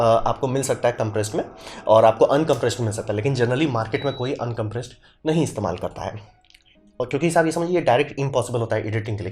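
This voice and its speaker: A man casually explaining camera video formats to viewers, talking quickly and addressing them directly. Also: mid-range voice, darkish tone.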